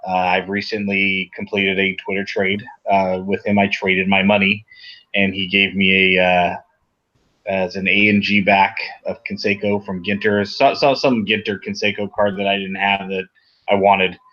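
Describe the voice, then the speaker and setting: A man's voice: low voice, little pitch movement, normal speed, sharp tone, dull audio. A man co-hosting a casual podcast, chatty and laid-back, laughing easily. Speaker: podcast co-host. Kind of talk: casual chat.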